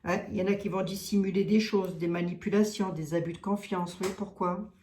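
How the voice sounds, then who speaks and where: A woman's voice: on the low side, fairly even intonation, a little fast, a little mellow, slight background noise. Woman with a Lorraine accent reading tarot. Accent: Lorraine French. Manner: thinks aloud, questions the cards, many hesitations. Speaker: tarot card reader. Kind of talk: casual tarot reading monologue. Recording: roomy echo.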